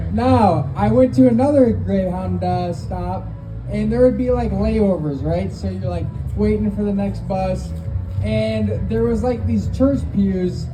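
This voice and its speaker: Woman doing stand-up, noisy live recording. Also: medium pitch. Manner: profane, conversational, acts out quoted dialogue. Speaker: first-time open mic stand-up comedian. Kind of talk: stand-up comedy storytelling. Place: live open mic venue.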